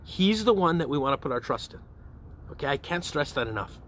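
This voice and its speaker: A man's voice: fairly high pitch, sing-song, fairly quick, fairly bright tone, slight background noise. A man, a parish priest, giving an informal evening prayer reflection in a conversational way, often checking in with his listeners. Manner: conversational, often checks in with "okay?" and "all right?".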